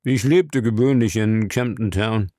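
A man voicing a smooth-talking, evasive male bar owner in an audiobook, lifting his voice higher and giving it a changed tone. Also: a little slow, mellow, no room sound, studio quality, natural voice.

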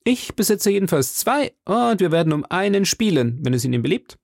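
A man's voice: high voice, sing-song, fairly quick, vocal fry, darkish tone, dry recording, clean studio sound, voice pushed up, full character voice. A man voicing a young, hot-headed male swordsman who speaks in a raised, courtly but challenging manner, from a storybook reading. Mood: defiant gallant.

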